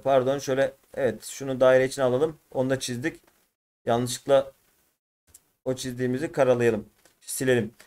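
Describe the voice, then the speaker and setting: A man with a somewhat high voice walks his students through exam questions one by one. He drags words out syllable by syllable, stopping to explain each answer. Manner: slow, drawn-out syllable by syllable explanation; addresses students as friends. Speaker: teacher. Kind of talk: exam walkthrough lesson.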